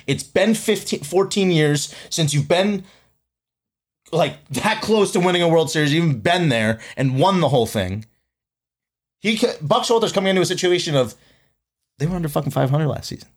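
Animated young guy arguing baseball. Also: high voice, fairly quick. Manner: animated, profane, argumentative. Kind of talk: casual sports chat.

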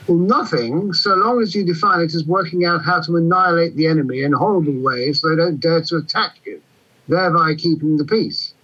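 A man playing a pompous, breezy British army general with a husky voice over a radio link in a comedy. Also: a little high, a little fast, bright, forceful tone. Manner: pompous, breezy, clipped, condescending. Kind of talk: comedy radio character acting. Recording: dull radio-like line.

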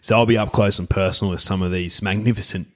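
A man with an Australian accent and a low voice. He talks casually as a racing tipster, chatting through his picks with a co-host. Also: fairly even intonation, fast. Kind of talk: casual horse racing tips chat.

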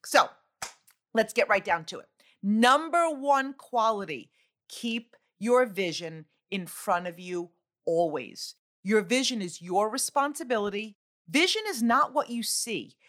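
A woman's voice: fairly high pitch, fairly bright tone. A woman hosting a motivational talk, speaking in an emphatic, exhorting manner with short, repeated phrases. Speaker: host of a motivational coaching show. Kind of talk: motivational speech.

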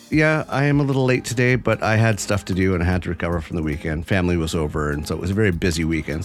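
A man of fifty hosting a solo podcast, talking in an earnest, rambling way and repeating his phrases. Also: lowish voice. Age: 50s. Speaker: podcast host.

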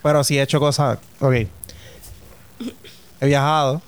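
A man chatting casually with friends on a podcast, relaxed and plainspoken. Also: fairly high pitch, unhurried, smooth. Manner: relaxed, plainspoken, owns up with no shame. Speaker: podcast co-host. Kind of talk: casual chat among friends.

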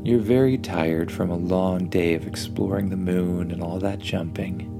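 A man narrating a bedtime story and guided relaxation in a soothing, hushed, unhurried manner. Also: deep voice, fairly even intonation, creaky, over music.

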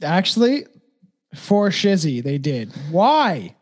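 A man in his thirties talks loosely on a podcast. His voice sits fairly high. He rambles, restarts sentences and swears often. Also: big pitch swings, slow. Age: 30s. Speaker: podcast co-host. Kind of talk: casual podcast chat.

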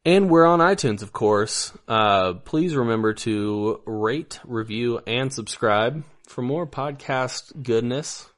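A man's voice: mid-range voice, expressive, slow pace, hardly any pauses. A man co-hosting a podcast in casual comedic chat, jokey and laughing often. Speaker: podcast co-host.

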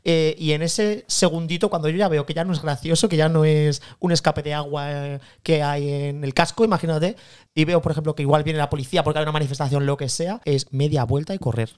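A man, telling stories in an animated, jokey way in a casual chat. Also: fairly high pitch, fairly quick, smooth.

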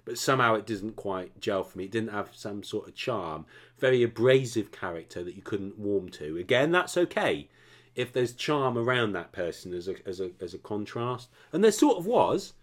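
Male co-host, very low voice, animated and rambling casual film chat. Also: moderate pace. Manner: rambling, animated, asks "you know what I mean?". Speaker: podcast co-host. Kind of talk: casual chat about films.

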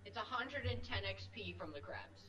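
A woman with a voice of average pitch. She runs a tabletop role-playing game, speaking casually as the game master to her players. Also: animated, moderate pace, bright, forceful tone, poor audio.

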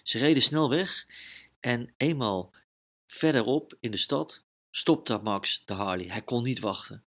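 A man narrating a children's adventure story with lively, dramatic delivery. His pitch stays mid-range, and he throws in his own sound effects as the plot races on. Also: unhurried.

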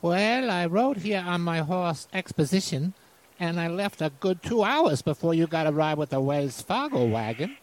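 A man's voice: a little high, very animated, moderate pace, low-quality recording. A man playing an eager, simple Western deputy with a limp. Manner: eager, folksy.

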